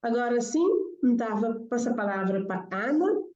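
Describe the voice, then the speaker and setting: A woman hosting a live conversation, speaking slowly and thoughtfully, with hesitations. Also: fairly high pitch, expressive, darkish tone, muffled recording. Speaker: host of a live talk.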